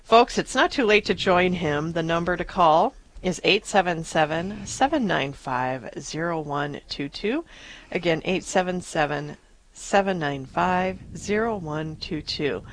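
A woman hosting a religious radio talk show, bubbly and quick to laugh. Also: fairly low pitch, expressive, rough recording. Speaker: radio host.

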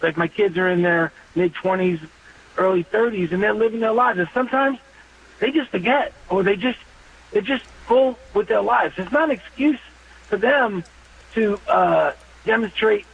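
A man's voice: high-pitched, a bit bright. A man in his fifties calling in to a radio show, speaking earnestly and reflectively about faith. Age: 50s. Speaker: caller. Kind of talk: call-in radio talk. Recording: muffled phone-in line with faint noise.

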